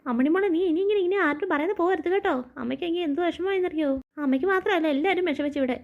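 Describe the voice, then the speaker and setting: Worried young mother voiced by a woman, anxious, scolding, high-pitched. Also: very fast, narrow, tinny audio. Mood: pleading.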